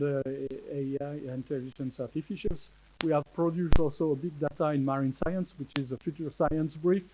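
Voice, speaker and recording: A native French speaker with a French accent gives a conference presentation in English in a conference hall, with background noise. His mid-range voice is halting, full of fillers and restarts.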